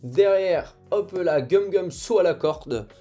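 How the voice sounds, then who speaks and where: A young man giving casual commentary as he opens trading card packs, reacting excitedly to each card as it comes. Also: sits high, takes it slowly, soft background music. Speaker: card collector opening booster packs. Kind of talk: casual pack-opening commentary.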